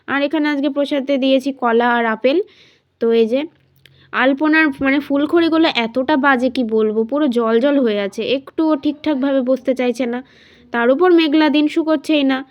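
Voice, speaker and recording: Young bengali girl vlogging at home on her phone, high voice, chatty, says stuff twice. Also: normal speed, muffled recording. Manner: chatty, repeats phrases for emphasis. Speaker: daily vlogger. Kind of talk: casual vlog narration. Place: at home, indoors. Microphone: phone camera.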